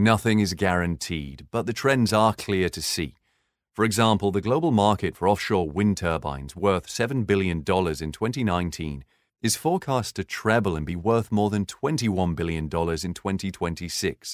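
A man with a low voice narrates a corporate podcast from a script. He explains things in a measured, formal way. The recording is dry, with no room sound. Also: no echo.

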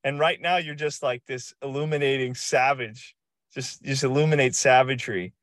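A man's voice: mid-range voice, steady tone, moderate pace, a bit bright, dry recording. A man hosts a podcast over a video call, hyping up his guests in an emphatic, slangy way. His voice sits in a middle register. The sound is dry and close, with no room around it. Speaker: podcast host. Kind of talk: energetic casual chat.

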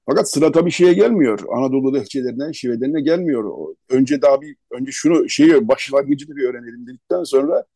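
Mellow-voiced male radio host. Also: mid-range voice, no echo. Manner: unhurried, hesitant, lists places one by one. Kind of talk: conversational radio interview.

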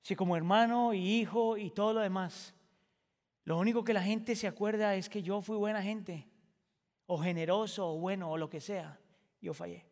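A man preaching a sermon as pastor, moving from quiet reflection to impassioned shouting. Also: high voice, steady tone, moderate pace, long reverb tail.

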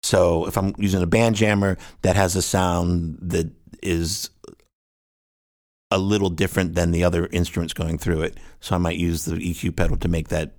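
A man with a very deep, low-pitched voice, walking through his gear in a long, rambling, technical explanation. He often sounds out rhythms with nonsense syllables as he goes. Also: flat delivery, moderate pace, a little mellow. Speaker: guest musician.

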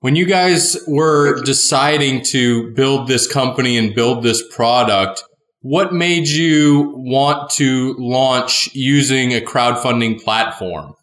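Male podcast host; affirming interviewer; mid pitch; echoey room sound. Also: slow pace, a bit bright. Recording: roomy echo.

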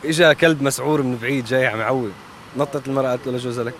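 A man with a Levantine Arabic accent tells a joke in a brisk storytelling manner. His voice sits at a middle pitch, with faint street noise behind him. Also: fairly even intonation. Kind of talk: telling jokes on the street.

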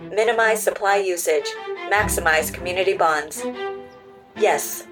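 An actress voicing a helpful robot in an audio drama, speaking in a measured, precise way. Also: female voice, lowish voice, music in the background, close to an everyday voice. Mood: calm. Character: helpful female-voiced robot, calm and precise.

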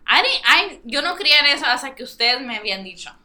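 A woman's voice: high voice, very animated, fast, bright, forceful tone. A woman co-hosting a casual group chat, curious and questioning, switching between English and Spanish. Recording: echoey room.

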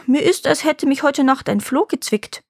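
A woman's voice: high voice, normal speed, creaky, dry recording, studio quality, voice pushed up. A woman reading the lines of a cunning young peasant man who boastfully bluffs a dragon in a storybook tale. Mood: sly.

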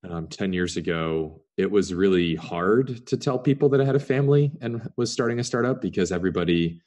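Middle-aged male guest, very low pitch, easygoing and rambling delivery. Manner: relaxed, rambling, stretches some words slowly. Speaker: podcast guest, startup founder. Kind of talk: casual interview conversation.

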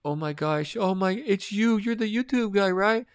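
A man voicing a starstruck woman fan who gushes in a high, breathless voice while retelling a meeting. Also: lively intonation, normal speed, clear, resonant tone, dry recording, studio quality. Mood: starstruck gushing. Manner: breathless, gushing, high-pitched.

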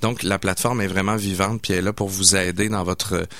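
A man's voice: sits low, level tone, brisk, a bit bright, dry recording. A man in his forties with a Québécois accent, chatting enthusiastically as a guest in a studio interview, with lots of hesitant fillers. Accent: Québécois French. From Quebec City, Canada. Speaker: guest mixologist. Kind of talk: casual radio interview. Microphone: studio microphone.

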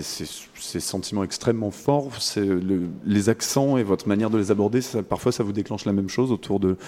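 A man's voice: low-pitched, mellow. A man hosting a radio interview, asking long, rambling questions and often correcting himself mid-phrase. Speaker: radio host.

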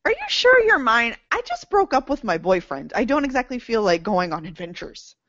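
A woman's voice: fairly high pitch, big pitch swings, moderate pace, fairly bright tone, no echo, muffled recording. A young woman acting a sarcastic, defiant college graduate in an audio drama. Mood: wry. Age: young adult.

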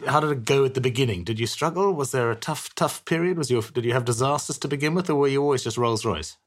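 A man's voice: mid-range voice, fast talker. A man interviewing two guests, friendly but hesitant, with many fillers and restarts. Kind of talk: casual interview.

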